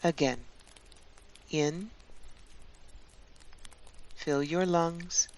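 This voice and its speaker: A woman hosting her channel and leading a guided meditation in a calm, soothing voice. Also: fairly low pitch. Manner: slow, calm, soothing delivery with long pauses.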